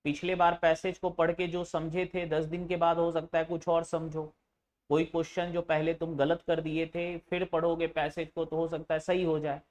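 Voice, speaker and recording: A man's voice: fairly high pitch, completely flat delivery, normal speed, darkish tone. A male teacher giving a classroom lecture, asking his students questions and answering them himself, and teasing them now and then.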